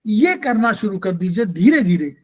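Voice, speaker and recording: A man with a very high voice teaches an acupressure class in a patient, explanatory way. He keeps checking on his students with questions and restarts his sentences often. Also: sing-song, normal speed, husky. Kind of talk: online class lecture.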